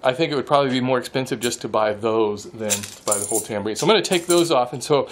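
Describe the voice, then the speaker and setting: A man's voice: mid-range voice, fast, a little hiss or hum. Chatty man vlogging from his workshop. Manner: chatty, self-amused, laughs often. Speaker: woodworking channel host. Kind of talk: casual vlog chat. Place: home wood shop, indoors. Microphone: handheld camera at arm's length.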